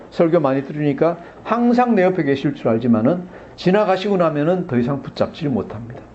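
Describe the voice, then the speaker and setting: A pastor preaching a Sunday sermon, asking his congregation questions and acting out the blind men's cries and the crowd's hushing. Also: fairly high pitch, highs cut off, a little hiss or hum. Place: church sanctuary.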